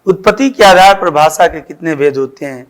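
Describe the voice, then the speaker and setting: A man's voice: a little high, brisk. A male teacher explaining grammar to schoolchildren, repeating examples with emphasis.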